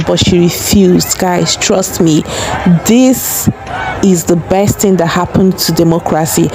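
A woman's voice: medium pitch, background noise. Chatty Nigerian woman narrating news. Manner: chatty, addresses viewers as guys, says trust me. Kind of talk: casual news commentary voice-over.

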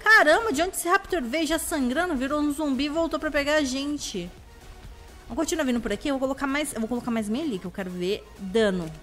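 A young Brazilian woman talks through her gameplay in a casual, chatty flow. Her voice sits a little high and a little hoarse, and she breaks into sudden shrieks when the action spikes. Soft game music plays faintly behind her. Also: lively intonation, a little fast. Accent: Brazilian Portuguese. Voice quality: slightly hoarse. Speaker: gameplay video host. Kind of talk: casual let's-play commentary.

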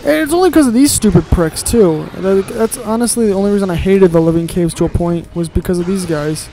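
A man's voice: sits high, brisk, warm tone, faint music behind, low-quality recording. A man giving casual, grumbling let's-play commentary while he plays, with sarcastic asides and casual swearing.

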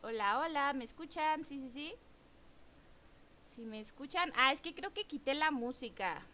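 A young Mexican woman chatting excitedly with her viewers while streaming a game, exclaiming and bubbly. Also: high voice, unhurried, slight background noise. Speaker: gaming streamer. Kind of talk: live-stream chat while gaming.

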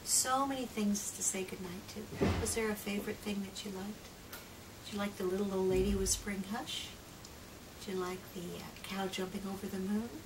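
In a small room whose walls are lined with picture books, a middle-aged woman reads one aloud to young children, her medium-pitched voice gentle and expressive. As a read-aloud presenter and trainer, she draws out phrases, whispers softly, and questions her listeners. A far camera microphone captures her with clear room noise behind.

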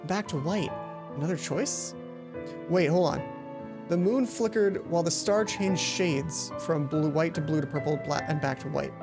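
A young man in his young adult years narrates a visual novel during a let's play, game music playing beneath him. He keeps cutting in with expressive, dramatic reactions, and his voice sits on the high side.

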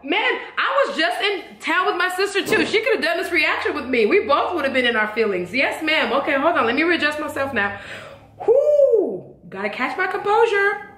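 A woman hosting a reaction video, chatty and animated, who breaks into excited squeals and sings along. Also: high-pitched, quick pace, few pauses, a little hiss or hum. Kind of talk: casual reaction commentary. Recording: echoey room with loud music playing.

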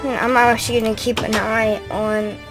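A woman casually commenting on her own gameplay, mostly muttering and grumbling to herself, sometimes breaking into loud shouts. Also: a little high, level tone, moderate pace. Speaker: gaming YouTuber. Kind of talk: casual let's-play commentary. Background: clear music.

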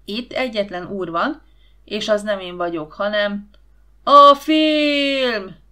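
Female reader voicing a loud, domineering male director in an audiobook. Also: close to an everyday voice. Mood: commanding. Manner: booming, commanding.

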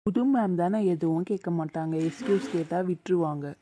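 Woman voicing kind cartoon stranger, reassuring, coaxing, low, very mellow. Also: fairly quick, a little hiss or hum, lightly acted. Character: kind stranger comforting a boy, man.

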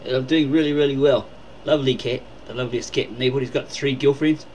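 A man's voice: mid-range voice, steady tone, quick pace, a little mellow, a little hiss or hum, lightly acted, low-quality recording. A man voicing his fat, pampered male house cat, cheery and full of self-praise. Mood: cheery, smug.

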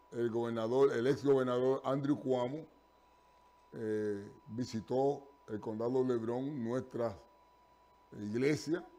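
A man's voice: mid-range voice, dark tone. An older man hosts a live TV call-in show from a studio and speaks into a lapel mic. His speech halts on fillers and restarts, then pushes into emphatic stretches. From Puerto Rico. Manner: halting, with many fillers and restarts, turning emphatic. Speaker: TV call-in show host and pastor.

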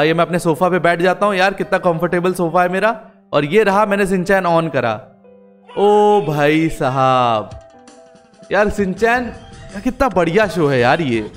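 A man hosting a casual game role-play, talking excitedly with lots of exclamations and fillers. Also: high voice. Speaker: gaming channel host.

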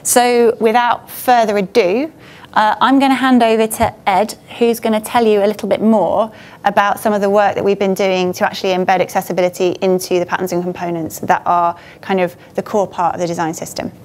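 A woman from a government design team speaks informally on an auditorium stage, giving a presentation to a meetup audience as a conference speaker. Her mid-range voice is level, brisk and a little mellow. She's conversational and a little hesitant, with loose phrasing.

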